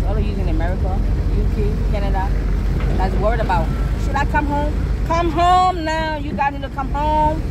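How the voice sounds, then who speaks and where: A middle-aged woman vlogging from a moving car, speaking like a preacher and calling for amens. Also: on the high side. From Liberia. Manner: call-and-response, asks for amens. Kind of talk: preachy road-trip vlog. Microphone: phone at arm's length. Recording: loud road noise.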